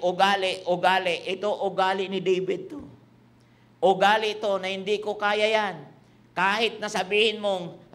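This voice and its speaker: High-voiced pastor preaching. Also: male voice, a bit bright. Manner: preaching in Tagalog-English mix, repetitive, teasing the congregation. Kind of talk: sermon. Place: church hall with congregation.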